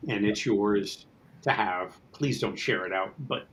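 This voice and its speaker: Here the guest is a man who writes and produces an audio drama, chatting loosely and at length about his creative work in a relaxed promotional interview. He has a lowish, a bit bright voice and keeps a measured pace.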